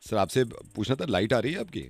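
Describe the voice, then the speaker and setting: A man's voice: medium pitch, big pitch swings, creaky, husky, no room sound, soft background music. A man hosting a radio prank call, pushy and needling as he keeps pressing the person on the line. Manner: pushy, fast-talking, needling.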